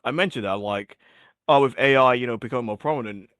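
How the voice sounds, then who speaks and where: A man's voice: medium pitch, quick pace, a bit bright, smooth, no echo, clean studio sound. A man as an interview guest, chatting casually and rambling with lots of filler words, his voice getting worn. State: losing his voice. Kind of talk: casual chat.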